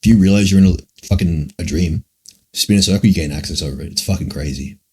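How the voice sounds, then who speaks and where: A man's voice: low voice, fast talker, darkish tone, slightly rough. A young man livestreaming, answering chat questions in a rambling, profane, casual way, full of "like" and "man".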